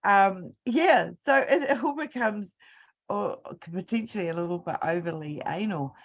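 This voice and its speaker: A woman's voice: mid-range voice, expressive, normal speed. Hesitant woman, dull lo-fi sound. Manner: hesitant, searching for words. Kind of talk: casual conversation.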